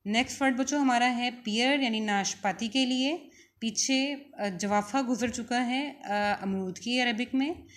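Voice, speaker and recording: Slow Pakistani woman teaching vocabulary. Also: a little high. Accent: Pakistani Urdu. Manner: slow, repeats each word for students. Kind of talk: recorded vocabulary lesson.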